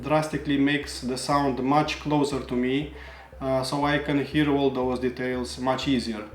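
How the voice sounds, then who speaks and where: Male gear reviewer, slightly higher voice, earnest explainer, echoey room. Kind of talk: product review narration. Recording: roomy echo.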